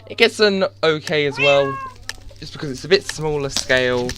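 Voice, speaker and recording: A man's voice: a little high, moderate pace, noisy background. A man rambling and joking to himself while giving casual gameplay commentary on a headset mic. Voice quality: chatty, rambling, self-mocking, with many restarts. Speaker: gaming YouTuber. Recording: game music playing behind.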